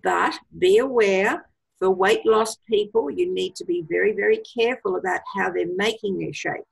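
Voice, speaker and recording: Woman, gravelly, husky, enthusiastic product advice, video call. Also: mid-range voice, moderate pace, low-quality recording. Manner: enthusiastic, gives advice with many fillers. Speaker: product trainer. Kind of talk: casual presentation on a video call.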